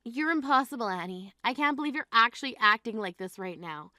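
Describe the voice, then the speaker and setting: A woman's voice: a little high, lively intonation, brisk, sharp tone, no echo, clean studio sound. A woman playing an exasperated, grieving sister who scolds in an incredulous, reproachful way in a dramatized story. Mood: appalled. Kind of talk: dramatized phone-call story dialogue.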